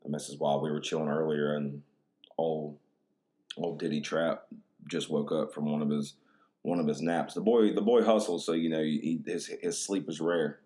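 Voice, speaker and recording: Laid-back, very low-voiced podcast guy. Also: steady tone, moderate pace, warm tone. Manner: laid-back, slangy and profane, full of "dude" and "bro". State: a little tipsy from drinks. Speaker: podcast host. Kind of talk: casual rambling podcast chat.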